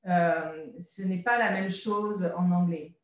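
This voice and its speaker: A woman teaching vocabulary slowly, repeating each word and adding short hesitant asides. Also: fairly low pitch, steady tone, reverberant, dull audio. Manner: repeats words twice, adds short asides and hesitant fillers. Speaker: French teacher.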